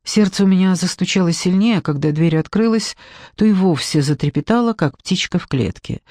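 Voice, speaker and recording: A man narrating an audiobook in the first person, measured storytelling. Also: sits high, darkish tone, no echo, clean studio sound.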